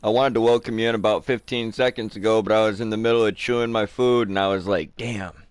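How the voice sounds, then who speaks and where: A man's voice: on the low side, steady tone, fast talker, clear, resonant tone, dry recording. A man streaming a survival game live, talking casually to viewers, saying dude and man and swearing freely.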